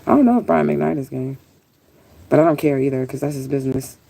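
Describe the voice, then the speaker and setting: A woman with a very deep, dark voice and vocal fry talks fast while chatting casually on a livestream. She answers viewer comments in a rambling, laid-back and sometimes profane way. The audio quality is poor.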